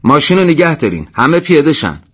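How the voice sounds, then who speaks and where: Male narrator as commanding officer, clipped and loud. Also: medium pitch, lively intonation, voice pushed up.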